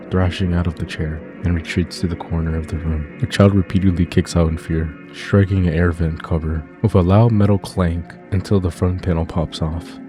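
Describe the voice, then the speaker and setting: A man reading scripted horror story narration as a YouTube narrator, in a steady, even retelling. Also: deep voice. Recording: music playing behind.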